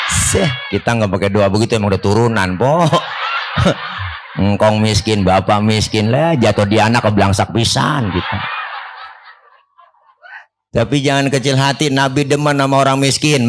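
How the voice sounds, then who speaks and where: A man's voice: mid-range voice, moderate pace, music in the background. Joking Betawi preacher man. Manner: joking, teasing the crowd, colloquial. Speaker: Islamic preacher. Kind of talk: comedic sermon. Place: Prophet's birthday gathering in a village neighborhood.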